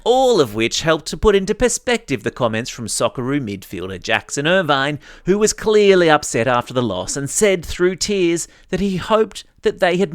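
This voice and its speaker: Pitched on the high side with no room sound, this Australian podcast host reads scripted news stories for children. He's playful and conversational, addressing his young audience directly.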